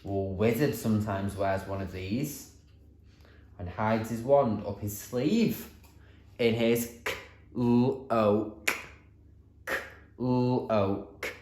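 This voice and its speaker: A man teaching a phonics lesson to young children, in a sing-song, encouraging way with drawn-out, exaggerated sounds. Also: on the low side, darkish tone, echoey room. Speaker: primary school teacher.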